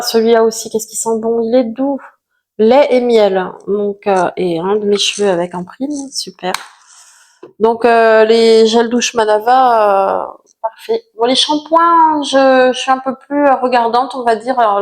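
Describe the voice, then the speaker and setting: A woman's voice: a little high, a little slow. A woman chatting casually to camera about used-up products, self-mocking, with lots of fillers. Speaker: vlogger reviewing finished products.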